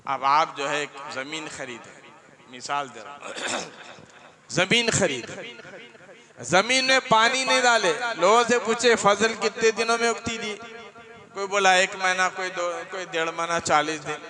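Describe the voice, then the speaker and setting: Preacher, fairly high voice. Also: male voice, a little slow. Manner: storytelling, building to forceful exhortation. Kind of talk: sermon. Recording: live crowd audible behind.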